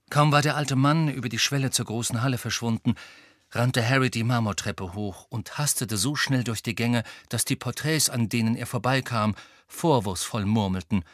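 A man narrating an audiobook in a dramatic, expressive storytelling manner. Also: mid-range voice, no echo, studio quality. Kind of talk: scripted narration.

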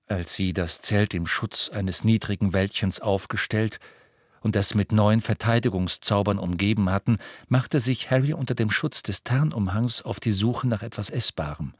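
A man narrating an audiobook with steady, measured storytelling. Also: lowish voice, husky, no echo, clean studio sound. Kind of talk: scripted narration.

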